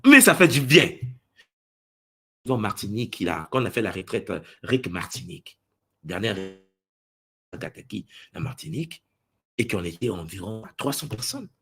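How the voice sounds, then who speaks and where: Brief: husky male spiritual teacher, lively swooping delivery, mimics others' voices in asides. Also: normal speed, pauses often. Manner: swings from booming exclamations to low intimate asides. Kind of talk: impassioned spiritual address to followers.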